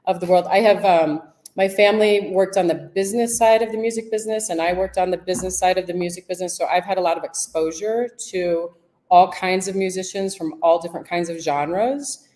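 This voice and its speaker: A woman's voice: lowish voice, fairly even intonation, a little fast, dark tone. A woman podcast guest who talks in a chatty, self-deprecating way, often restarting her sentences. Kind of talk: casual interview chat.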